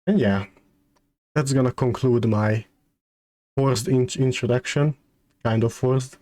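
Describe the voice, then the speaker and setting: A male streamer talks casually to his chat at an unhurried pace. His voice is soft-edged and mellow at a middle pitch, and he feels his way haltingly through sentences, repeating words. The sound is close and dry. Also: fairly even intonation, no room sound. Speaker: streamer hosting a debut stream.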